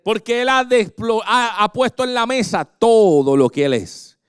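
A male pastor preaching an impassioned sermon, swinging between loud, stretched-out highs and soft, low passages. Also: animated, unhurried, clean tone, dry recording, clean studio sound.

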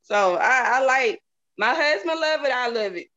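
A high-pitched, expressive woman from the southern United States speaks at a moderate pace in a pushed, bright voice. Acting as an interview guest and product seller, she gives a relaxed, folksy testimonial and keeps repeating phrases for emphasis, all on dull lo-fi audio.

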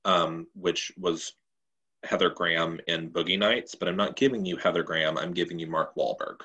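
Low-voiced male co-host, casual and chatty, explains rules plainly. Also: fairly even intonation, normal speed, sharp tone, dull audio. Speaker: podcast co-host. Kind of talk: casual chat.

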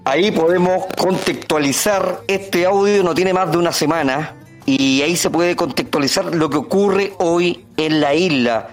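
A man's voice: fairly high pitch, unhurried, faint music behind. A man hosting a podcast discussion and asking guests questions. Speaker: podcast host.

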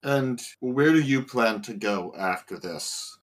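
A man playing a tabletop role-play game, speaking in a deadpan way. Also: mid-range voice, slow pace. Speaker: player.

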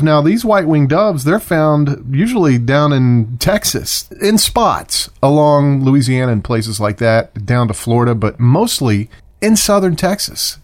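Hosting a casual solo birding podcast, a man chats in a rambling way, correcting himself and slipping into short rants. His voice is a little high and expressive, and he keeps a measured pace.

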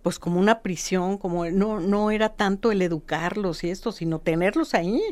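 A woman, a guest expert explaining history in lively, casual conversation, often tagging lines with a questioning "no". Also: mid-range voice, moderate pace. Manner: lively storytelling with repeated "¿no?" tags.

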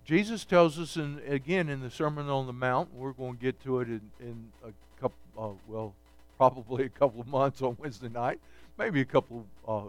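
A man's voice: mid-range voice, steady tone, fairly quick. A man preaching a midweek Bible study sermon, reading scripture aloud and explaining it conversationally, often checking in with "okay" and "all right". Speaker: pastor.

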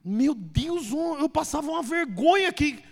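Brazilian pastor, very high male voice, conversational preaching with jokes, long church reverb. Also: expressive, unhurried, vocal fry. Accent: Brazilian Portuguese. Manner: conversational, joking storyteller who rises to emphatic preaching. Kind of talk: sermon.

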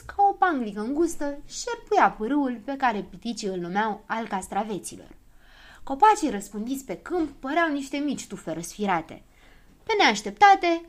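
A woman narrating a children's storybook in an expressive, lively way. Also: fairly high pitch.

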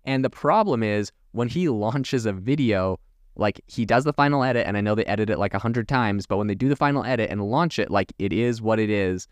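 A man's voice: lowish voice, animated, brisk, dry recording. A man hosting a solo podcast, talking casually with many fillers like "like" and "you know". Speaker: podcast host.

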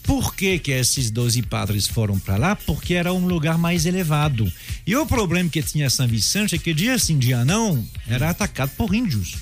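A Brazilian man chatting casually on air as a radio presenter, halting and repeating his words. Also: on the high side, sing-song, soft background music.

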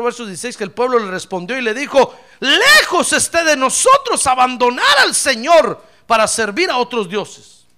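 A man preaching a lively, humorous sermon as a pastor, speaking fervently, crying out praise and often calling his listener brother. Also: sits high. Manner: fervent, jokes, cries out praise, keeps addressing "hermano".

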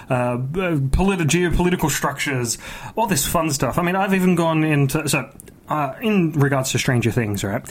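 A man with a mid-pitched voice talks casually as a podcast co-host. He is enthusiastic about his hobby and tends to ramble as he tells stories, in a relaxed conversational style.

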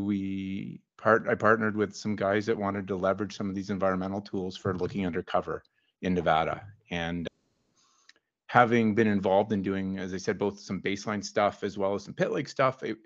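Relaxed low-voiced man, lo-fi audio. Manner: relaxed and wry, with frequent fillers. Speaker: guest geologist consultant. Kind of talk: casual interview storytelling.

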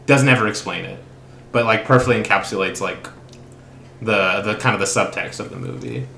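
A man's voice: on the low side, fairly quick, vocal fry, sharp tone, reverberant, slight background noise. A man co-hosting a casual film podcast, rambling with many restarts and fillers. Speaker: podcast co-host.

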